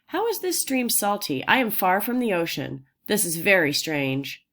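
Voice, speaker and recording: A woman's voice: medium pitch, expressive, normal speed, a bit bright, voice pushed up. A woman voicing a curious, brave young girl in a raised, girlish voice in a storybook reading. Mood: wondering.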